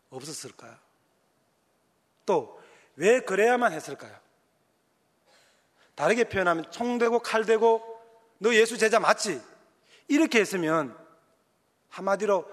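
A male pastor with a Gyeongsang accent preaches a sermon and acts out the voices in his story. His voice sits a little high, and it rings with a long echo, as from a church hall. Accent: Gyeongsang Korean.

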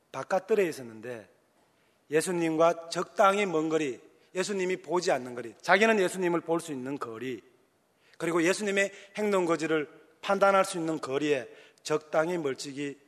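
A male pastor with a Gyeongsang accent preaches a sermon and acts out the voices in his story. His voice sits a little high, and it rings with a long echo, as from a church hall. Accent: Gyeongsang Korean.

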